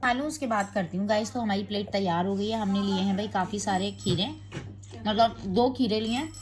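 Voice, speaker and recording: A woman's voice: medium pitch, a little fast. A woman in her thirties chatting casually to camera as a family vlogger, talking to her viewers as guys. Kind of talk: casual vlog chat to camera.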